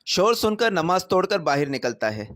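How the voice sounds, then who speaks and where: A man's voice: high-pitched, big pitch swings, a bit bright, no room sound, clean studio sound. Man narrating a family drama. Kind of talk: scripted story narration.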